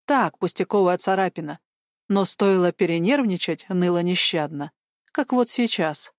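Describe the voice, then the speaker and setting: A woman narrating an audiobook chapter in a measured, even storytelling manner. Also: on the low side, no room sound, studio quality. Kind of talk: scripted narration.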